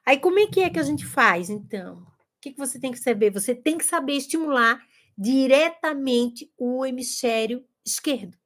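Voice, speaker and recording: High-voiced woman teaching on camera. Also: animated, normal speed, a bit bright. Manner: demonstrative, shows games to camera and sounds out words. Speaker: teacher and educator. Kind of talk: casual video lesson to teachers. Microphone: camera facing her.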